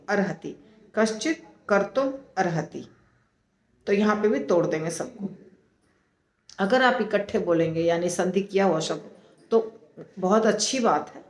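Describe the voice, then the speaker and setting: A woman's voice: medium pitch, reverberant. A woman teaching scripture and carefully explaining how to pronounce each word of a verse, breaking long words into syllables. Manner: slow, deliberate, spells out syllables.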